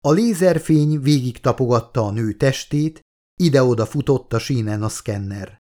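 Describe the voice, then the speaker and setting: A man reading his own novel aloud as an audiobook narrator. His voice sits at a middling pitch, and he tells the story in a steady, measured way.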